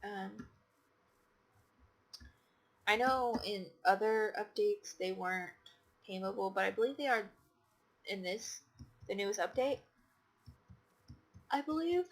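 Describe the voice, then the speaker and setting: A tired woman casually commenting on her game play, rambling with many fillers and restarts. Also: mid-range voice. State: tired, yawning. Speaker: gaming channel host.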